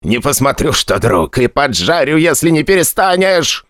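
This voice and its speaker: A man voicing a tiny, grumpy three-headed puppy with a thin squeaky voice in an audiobook. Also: sing-song, normal speed, fairly bright tone, no room sound, studio quality. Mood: indignant. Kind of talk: audiobook character voice.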